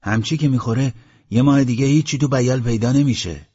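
A man's voice: medium pitch, warm tone, slightly rough, pitched above the performer's own voice, close to an everyday voice. A man voicing a shrewd, wise male villager who speaks firmly and with calculation, on a dull lo-fi audiobook recording. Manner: calculating, firm.

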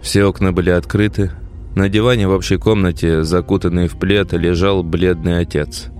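Deep-voiced male audiobook narrator. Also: fairly even intonation, moderate pace, a little mellow. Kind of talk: scripted narration.

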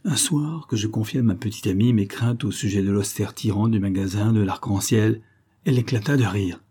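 Husky low-voiced man reading a story. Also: a little fast. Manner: expressive first-person storytelling with lively quoted dialogue. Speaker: audiobook reader. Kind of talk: scripted literary narration.

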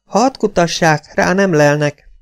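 A man voicing a frail but domineering old mother in an audiobook, indignant and shrill. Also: smooth. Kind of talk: audiobook character voice.

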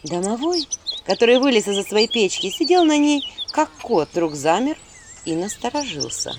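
A woman narrating a fantasy story in the first person, in a lively, wry manner. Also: a little high, moderate pace, noisy background.

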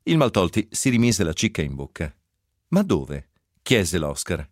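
Male reader, low voice, animated ironic storytelling, close dry radio studio. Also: moderate pace, no room sound. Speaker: reader of a novel excerpt. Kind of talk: expressive literary reading.

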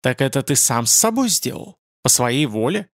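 A man's voice: mid-range voice, big pitch swings, normal speed, no room sound, clean studio sound. A man reading an audiobook, voicing a guarded, terse young male warrior.

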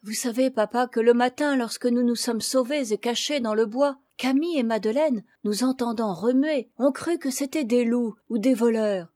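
An eager little boy of seven in a storybook, as a woman reader gives him voice. He pleads in a lively, heartfelt way. The voice sits a bit high and close, with no room echo. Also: moderate pace, few pauses, natural voice. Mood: earnest.

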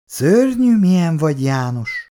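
A man's voice: on the high side, big pitch swings, mellow, pitched above the performer's own voice. A man reading aloud, voicing a fussing, reproachful middle-aged mother in a raised voice.

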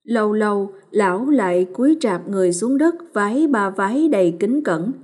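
A woman narrating a ghost story as a storyteller, in a measured, solemn way. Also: mid-range voice, animated, a little mellow, slightly rough.

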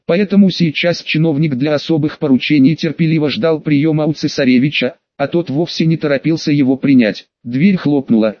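Man, audiobook narrator, measured formal reading, somewhat high voice, muffled lo-fi audio. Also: no echo. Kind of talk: scripted narration. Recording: dull, dry lo-fi audiobook recording.

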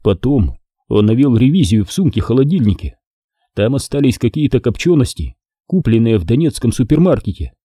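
A man narrating an audiobook with expressive reading. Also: medium pitch, a little fast, dry recording, clean studio sound. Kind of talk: scripted narration.

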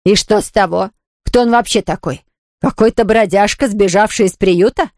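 A woman's voice: medium pitch, moderate pace, a little mellow, no echo, studio quality, lightly acted. A woman voicing a strict, self-pitying elderly aunt who scolds firmly. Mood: stern. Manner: firm, scolding, categorical.

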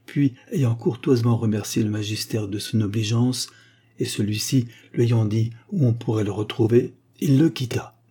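A man narrating a story at an even, measured pace. His voice is husky and mellow, with a dark warmth. The delivery is clearly scripted and literary. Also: medium pitch. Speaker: audiobook narrator.

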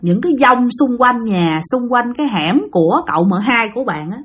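A woman's voice: on the high side, expressive, moderate pace, slightly rough. A woman telling a ghost story, dramatic and talking straight to her listeners. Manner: dramatic, addresses listeners directly. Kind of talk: spoken ghost story narration.

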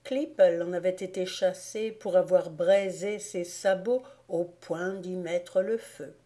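A woman reading an audiobook aloud in measured, even storytelling narration. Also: lowish voice. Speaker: audiobook reader.

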